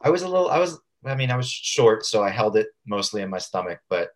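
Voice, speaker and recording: Low-voiced man chatting casually as a guest. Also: sing-song. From Southern California. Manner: informal, rambling, halting phrasing. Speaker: radio show guest, fitness coach. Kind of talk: casual interview chat.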